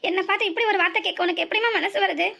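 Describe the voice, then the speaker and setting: Cartoon husband, voiced by a woman: pleading and devoted, southern Tamil accent, very high and rapid. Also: vocal fry, bright, forceful tone, exaggerated voice. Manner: pleading, soothing. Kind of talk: cartoon voice acting.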